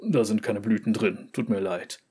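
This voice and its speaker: A man voicing a nervous, timid tavern-keeper who speaks quietly. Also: fairly low pitch, moderate pace, slightly rough. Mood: apologetic.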